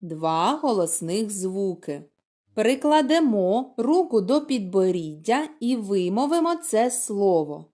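A woman teaching young children, explaining calmly and asking them questions. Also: fairly high pitch. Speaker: kindergarten teacher.

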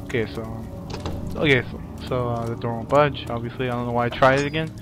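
A man's voice: medium pitch, fairly even intonation, brisk, music in the background. A young man giving casual let's play commentary, rambling and apologetic, yelping when scared.

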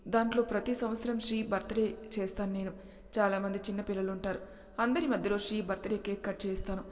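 A woman voicing a patient, gentle young wife and mother who speaks calmly and softly, with a long reverb. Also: mid-range voice, fast, natural voice.

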